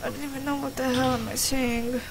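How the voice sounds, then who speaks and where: A woman's voice: high voice, flat delivery, a little fast, slight background noise, poor audio. A young woman doing casual gameplay commentary in a rambling, sweary, self-deprecating way. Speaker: gaming video host. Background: game music.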